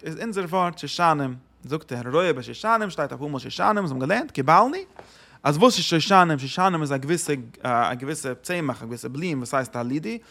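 Gravelly man teaching. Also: a little high, a bit bright. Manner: searching for words, restarting phrases. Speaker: religious teacher. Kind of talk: explaining religious texts.

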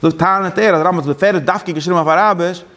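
A man gives a loose, rambling Torah class, breaking off to correct himself and slipping English and Hebrew terms into his sentences. His voice sits somewhat high for a man. The talk stays informal and circles around its points as he reasons aloud. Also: racing, fairly bright tone. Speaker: Torah teacher. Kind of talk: Yiddish-style Torah class.

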